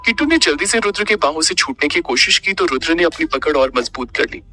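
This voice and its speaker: A man narrating an audio story in an expressive storytelling manner. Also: on the high side, quick pace, faint music behind.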